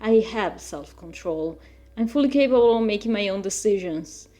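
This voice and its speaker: A woman's voice: medium pitch, expressive, normal speed, warm tone, soft background music, lightly acted. A woman reading the lines of a firm, self-assured vampire woman in a visual novel. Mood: defiant.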